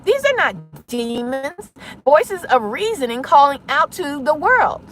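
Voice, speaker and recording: An online content creator, a woman with a high-pitched, sing-song voice that's a bit bright and a little slow, gives an impassioned public address. She's insistent and confrontational, driving her points home with rhetorical questions.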